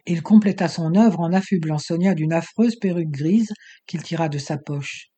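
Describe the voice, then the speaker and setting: Mellow, husky male storyteller. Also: on the high side, normal speed. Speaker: audiobook narrator. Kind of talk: scripted narration of an adventure novel.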